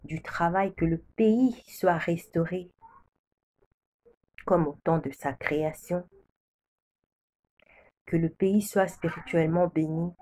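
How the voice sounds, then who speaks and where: Long pauses break up the slow speech of this woman preacher from the DR Congo, whose fairly low voice has a dark tone. She offers a prophetic testimony made of solemn declarations she repeats.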